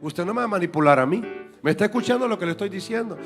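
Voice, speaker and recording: Male preacher, high voice, emphatic sermon delivery, church setting with soft music underneath. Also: animated, racing, in a large hall. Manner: emphatic, repeats key points for the congregation. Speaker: apostle and preacher. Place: church sanctuary.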